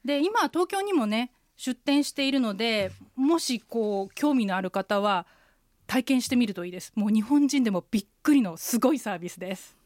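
A woman, an interpreter guide, teaching a radio language lesson, explaining phrases patiently and slowing down to model pronunciation. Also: on the high side, lively intonation, darkish tone, no room sound, clean studio sound. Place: radio studio.

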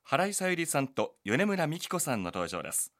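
Guy announcing a radio segment, upbeat and bouncy, kinda high voice. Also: very animated, brisk, fairly bright tone. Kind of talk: scripted radio introduction.

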